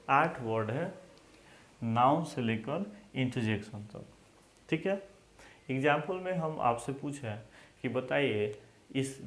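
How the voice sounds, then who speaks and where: Slow-speaking man teaching in an echoey room. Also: medium pitch. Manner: drills pronunciation, asks students to repeat after him. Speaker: English teacher. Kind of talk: classroom grammar lesson.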